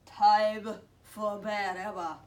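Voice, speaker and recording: A woman voicing a sniffly, slimy female monster in a storybook reading, loud and drawn out. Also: medium pitch, level tone, very slow. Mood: polite. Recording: distant mic, faint background noise.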